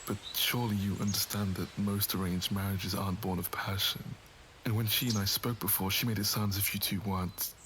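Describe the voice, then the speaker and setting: Birdsong and ambience sit clearly behind a lowish, courtly noble lord, acted by a man. He speaks formally and smoothly, with a knowing needle, as in a fantasy romance roleplay. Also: flat delivery, fairly quick, fairly bright tone, a little hiss or hum, close to an everyday voice, poor audio. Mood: smooth, needling.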